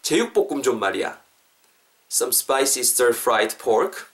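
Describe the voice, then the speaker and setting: A man hosting an English lesson podcast, talking in a lively, chatty way and saying English phrases slowly and deliberately for listeners to repeat. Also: medium pitch, recorded from a distance. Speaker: English teacher and podcast host. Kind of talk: casual spoken English lesson.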